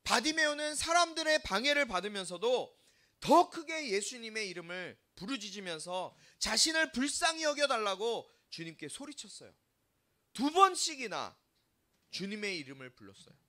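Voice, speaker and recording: A man's voice: sits high, big pitch swings, moderate pace, pushed and bright. A male pastor preaching a sermon, telling the story and putting rhetorical questions to the congregation. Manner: dramatizes quoted voices.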